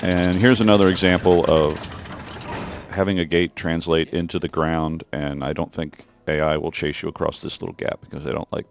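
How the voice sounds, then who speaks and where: In a let's-play developer commentary, a man with a very deep, gravelly voice talks at a moderate pace in a steady tone over gameplay of a mission he designed. His rambling is full of fillers and restarts, and a little hiss or hum sits under the audio.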